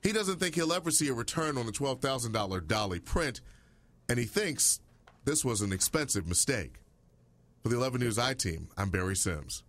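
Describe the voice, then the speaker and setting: A man reporting a news story in a measured, scripted narration style. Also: medium pitch. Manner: measured, even reporting delivery.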